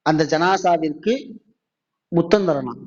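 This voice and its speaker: A Tamil-speaking man preaching a mosque sermon. He asks the audience many questions and slows down to recite quotes. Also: on the high side, gravelly, highs cut off.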